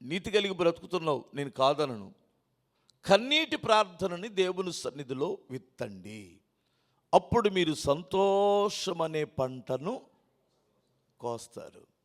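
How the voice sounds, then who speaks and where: A man preaching a sermon as pastor, alternating loud emphatic declarations with quiet, lowered asides and rhetorical questions to the congregation. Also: sing-song, a little slow, long pauses. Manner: emphatic, rising to loud declarations then dropping low. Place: church hall.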